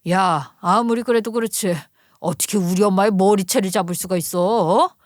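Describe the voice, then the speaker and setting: A woman voicing an angry young husband who accuses his wife loudly and fast. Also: medium pitch, dry recording, studio quality, close to an everyday voice. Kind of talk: storytelling radio narration.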